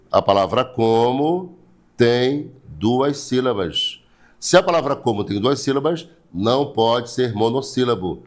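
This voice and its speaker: Brazilian man teaching a live class. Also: medium pitch. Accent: Brazilian Portuguese. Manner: repetitive, explains step by step, asks rhetorical questions; greets viewers by name, blesses them. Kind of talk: online class lecture.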